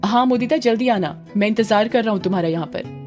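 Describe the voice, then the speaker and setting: A woman's voice: fairly high pitch, fast talker, a little mellow, soft background music, lightly acted. A woman voicing a frightened young man making an urgent phone call. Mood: anxious. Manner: anxious, urgent.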